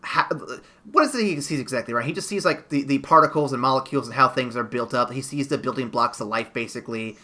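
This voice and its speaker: Bright-voiced man chatting casually. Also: mid-range voice, fast. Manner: rambling, many restarts and fillers. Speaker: podcast host. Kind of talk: casual movie review chat.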